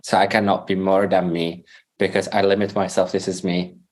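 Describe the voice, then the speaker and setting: A Farsi-speaking man from Iran, his voice sitting low and his delivery brisk, shares his life story as a podcast guest. The interview is conversational, and he animates it by reenacting his past conversations and laughing frequently.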